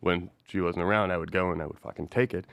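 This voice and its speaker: A man in casual chat telling a childhood story, joking and jumping up in pitch when he acts out his younger self. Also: steady tone, creaky, fairly bright tone, dry recording, clean studio sound. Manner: fast, jokey, jumps high when acting out his younger self.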